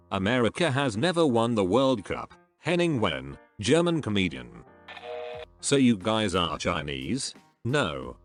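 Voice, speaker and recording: A man narrating online forum posts as scripted narration, reading each post straight through without fillers. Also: on the low side.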